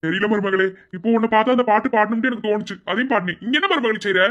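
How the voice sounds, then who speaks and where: A woman's voice: mid-range voice, rapid-fire, highs cut off, lightly acted. A woman voicing a doting Madurai father-in-law. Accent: Madurai Tamil. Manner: affectionate, sing-song. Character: doting sing-song village father-in-law.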